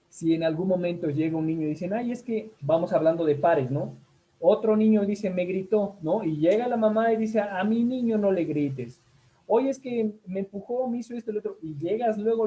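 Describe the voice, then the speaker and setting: A man with a Mexican accent gives a talk from slides in a mellow, fairly high voice. He speaks conversationally, with many fillers, and keeps checking in with his listeners. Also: poor audio. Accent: Mexican Spanish.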